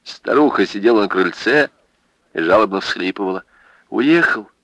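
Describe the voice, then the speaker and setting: A low-pitched man reads a novel aloud with dramatic, emotive phrasing. His voice stays close to the mic in a dry, dead room. The delivery is measured and intense. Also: lively intonation, a bit bright, no room sound, dull audio. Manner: dramatic, emotive reading with big swings. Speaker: audiobook narrator. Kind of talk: expressive literary narration.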